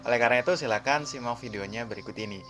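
A man's voice: mid-range voice, rapid-fire, over music. A man teaching English vocabulary, repeating each word three times before giving its meaning. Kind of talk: slow repetitive vocabulary drill.

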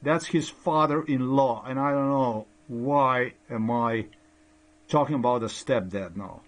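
Recorded on a desk webcam in a small room, a middle-aged non-native English speaker vlogs a rambling screen-share commentary. His medium-pitched voice moves a little slowly, hesitant and full of fillers and restarts.

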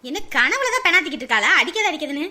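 A woman's voice: high voice, very animated, very fast, pushed and bright, heavily acted. A woman voicing a nosy mother-in-law muttering to herself in puzzlement. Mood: puzzled. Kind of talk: dramatic story voice acting.

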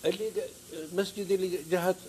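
A guest preacher with a Saudi accent tells stories on a religious talk show, full of fervent oaths and scripture quotes. His voice sits high and has a steady, darkish tone, he talks fairly quickly, and there's slight background noise.

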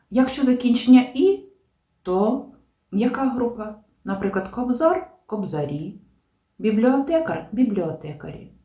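A woman gives a grammar lesson with a lively, rising-and-falling pitch. Her tone is mellow and soft-edged. She explains each rule deliberately and stresses every example word. The recording has a roomy echo. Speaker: language teacher.

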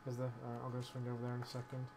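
A man banters with his teammate while streaming a shooter game, swearing freely and cracking jokes over a headset. His voice sits at an ordinary pitch, and a faint hiss runs underneath it. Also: monotone, very fast. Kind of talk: casual gaming chat.

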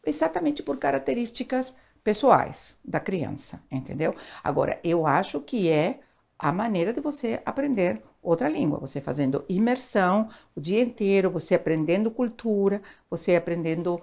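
A gravelly, medium-pitched voice at normal speed belongs to an older Argentine woman, a child education expert being interviewed casually. She's animated, gestures a lot and uses tag questions, recorded on a lapel mic while sitting on a sofa in a small studio.

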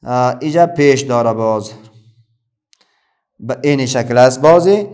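A man with an Afghan Dari accent teaching a children's reading lesson. He asks his pupils a question, then answers it himself, with many pauses and fillers. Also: medium pitch, darkish tone.

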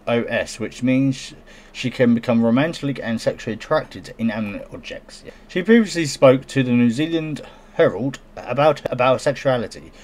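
A man riffs on an odd news item, reading it aloud and tripping over the words. He breaks into giggles and throws in sarcastic jabs. His voice sits at an ordinary, middle pitch for a man. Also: darkish tone. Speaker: commentator reacting to a news story. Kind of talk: casual reaction commentary.

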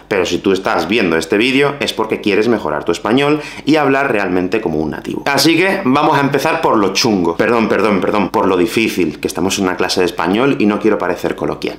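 A man from Spain with a Spanish accent, teaching Spanish in a video lesson with colloquial, expressive talk. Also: on the low side, a little fast, hardly any pauses, roomy sound. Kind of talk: video lesson with acted skits.

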